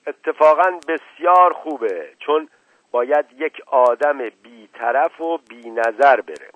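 A man's voice: on the high side, expressive, fairly bright tone, no room sound, pitched above the performer's own voice. A man voicing an older family patriarch who speaks in an imperious, indignant tone. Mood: commanding. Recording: tinny phone-like dry recording.

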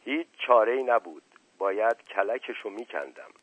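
A sly, teasing uncle with a smooth, flirtatious way of talking, as a male reader does him. His fairly low, husky voice comes over a thin radio line. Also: animated, dry recording. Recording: tinny radio broadcast.

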